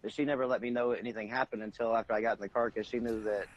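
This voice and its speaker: A man's voice: mid-range voice, fairly even intonation, rapid-fire, no echo, highs cut off. A man co-hosting a gaming podcast, telling stories in a rambling, profane way. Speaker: podcast co-host. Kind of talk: casual gaming chat.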